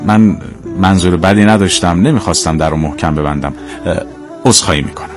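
A man doing a polite, formal, composed gentleman. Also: sits low, over music, lightly acted. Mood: polite firm. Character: polite composed middle-aged male taxi inspector.

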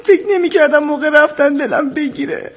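A woman's voice: high-pitched, expressive. A middle-aged woman playing a wistful, tearful mother leaving the family home, in a radio drama. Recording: long hall reverb.

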